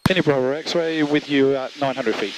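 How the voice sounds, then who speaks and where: A man's voice: medium pitch, normal speed. A man training as a pilot, talking casually and calling the tower over a cockpit headset intercom. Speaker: student pilot. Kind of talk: casual cockpit talk and radio calls. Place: small plane cockpit. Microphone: headset mic. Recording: noisy cockpit intercom with engine hum. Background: engine noise.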